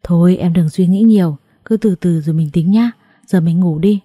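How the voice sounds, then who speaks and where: A woman's voice: fairly low pitch, moderate pace, husky, dry recording, clean studio sound. A woman voicing a meek, pleading husband. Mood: placating. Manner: soft, pleading and placating. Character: meek, cowardly young husband who placates his wife.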